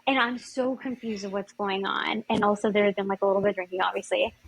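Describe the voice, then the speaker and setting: A woman from Ontario, Canada, a former yacht chief stew, tells a story as a podcast guest, rambling casually and filling her speech with "like." Her mid-range voice is quick and fairly even in intonation. The audio is poor, with a little hiss or hum.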